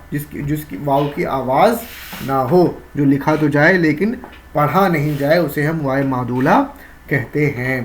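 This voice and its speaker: A man teaching an exam-prep grammar lesson, explaining step by step, repeating key terms and asking and answering his own questions. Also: fairly high pitch.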